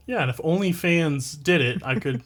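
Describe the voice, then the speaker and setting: A man's voice: on the high side, moderate pace, fairly bright tone. Joking male podcast host. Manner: jokey, self-deprecating, laughs often. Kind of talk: casual podcast chat.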